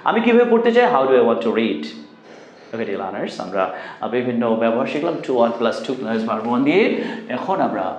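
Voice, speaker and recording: A man's voice: mid-range voice, sing-song, fast, roomy sound, dull audio, a little hiss or hum. A man with a Bangladeshi accent, a native Bengali speaker teaching a spoken English lesson, drilling translations and pleading earnestly with many "uh" fillers.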